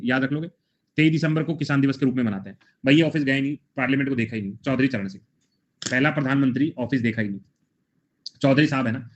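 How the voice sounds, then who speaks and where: A man's voice: medium pitch, fairly bright tone, highs cut off. A man teaching a general knowledge class, repeating memory tricks and calling on his students as brothers. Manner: drills mnemonics with repetition, addresses students as brothers. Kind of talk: live online GK class.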